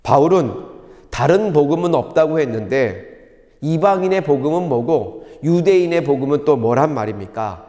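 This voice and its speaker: Korean pastor preaching in an echoing sanctuary. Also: male voice, a little high, lively intonation, dark tone. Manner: measured teaching tone, rhetorical questions, occasional fillers. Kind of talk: sermon. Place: church sanctuary.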